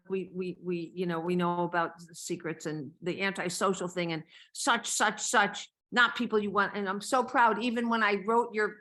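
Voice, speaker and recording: A woman's voice: mid-range voice, a bit bright, rough recording. A woman in an online workshop giving effusive feedback, stumbling over her words with many restarts. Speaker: workshop participant. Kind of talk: casual feedback. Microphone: video call.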